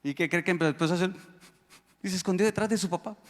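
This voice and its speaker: A high-pitched man talks fast in a big-sounding church hall. He is a pastor with a Mexican Spanish accent, preaching a sermon emphatically, calling out to the congregation and joking with them.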